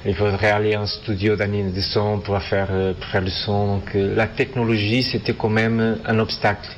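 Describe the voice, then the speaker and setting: At a festival interview with background noise and cut-off highs, a Portuguese animation filmmaker answers casually in a non-native language. His voice is on the low side and flat, and with his Portuguese accent he speaks haltingly, searching for words.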